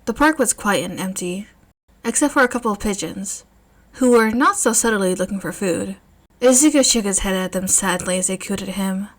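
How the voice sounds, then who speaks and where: A woman narrating a fanfiction story in an expressive, measured reading. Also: medium pitch.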